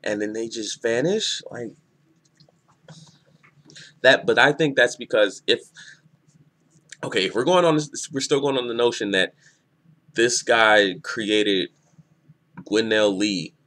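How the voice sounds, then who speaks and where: A man giving a casual spoken review of a comic chapter, excitable and rambling, often restarting his sentences. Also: medium pitch, slow pace, pauses often. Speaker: manga reviewer.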